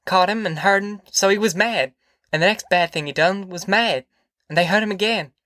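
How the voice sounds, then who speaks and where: In an audiobook, a man plays an anxious, tender middle-aged farm mother with a rural Southern American accent, speaking hesitantly and earnestly. His high voice sits above his natural pitch, with a sharp tone and moderate pace. The mood is earnest and pouring out, and the studio-quality recording has no room sound.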